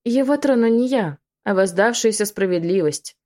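A woman's voice: mid-range voice, animated, moderate pace, darkish tone, lightly acted. A woman voicing a haughty, scheming young witch who drawls scornful threats in a storybook reading.

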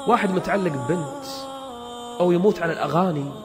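Preacher guy, high voice, rattles off questions fast, reverby hall w/ music under it. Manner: emphatic, rapid rhetorical questions and repetition. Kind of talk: motivational sermon.

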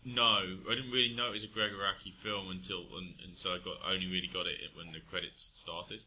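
A deep-voiced co-host speaks quickly and flatly in a casual chat, rambling and hesitating with many ums, fillers and restarts. His tone comes across bright and a little sharp, with a faint noise running underneath.

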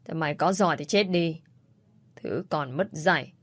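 A woman voicing a drunk, angry middle-aged father who barks gruff insults in a storybook reading. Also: deep voice, normal speed, no room sound, studio quality.

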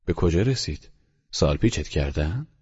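A man's voice: deep voice, expressive, a little mellow, husky, big-room sound, dull audio, heavily acted. A man voicing a smug, educated young man who drawls and sounds pleased with himself. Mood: friendly. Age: young adult. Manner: drawling, self-satisfied.

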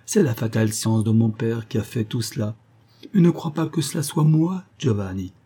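A man's voice: medium pitch, moderate pace, dark tone, husky, natural voice. A man reading aloud voices a frightened, tender young woman who pleads with her lover. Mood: pleading.

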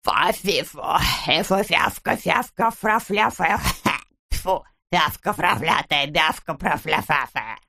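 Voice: mid-range voice, lively intonation, slow pace, creaky, sharp tone, heavily acted. An audiobook reader voicing a stingy, grumbling rich man who lisps, saying F instead of R. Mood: gagged babble. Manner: grumbling, haggling. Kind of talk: audiobook character voice.

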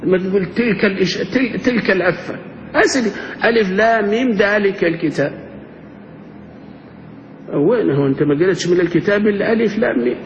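A man teaches a classroom grammar lesson, his voice sitting fairly high. He keeps turning to the students with rhetorical questions. The recording is dull and lo-fi. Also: a little fast, pauses often, a little hiss or hum. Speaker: sheikh teaching Arabic grammar.

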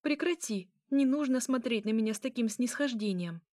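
A willful young vampire princess, ruled by her hunger and quick to whine and snap, voiced by a woman reading the story aloud. The voice sits noticeably higher than the reader's own, petulant and demanding. It is heard close and dry. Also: dark tone, dry recording, close to an everyday voice. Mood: indignant. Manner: petulant, whining.

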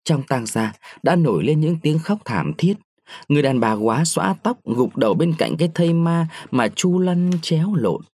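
A man reading a short story aloud in an expressive storytelling manner. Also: fairly high pitch, normal speed, dry recording. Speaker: story reader.

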